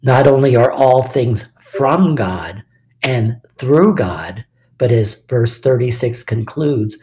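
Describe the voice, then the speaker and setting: An older man teaching a Bible study in a slow, deliberate sermon style, leaning hard on key words. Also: medium pitch, mellow. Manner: emphatic, lingers on key words, sometimes drops to a whisper.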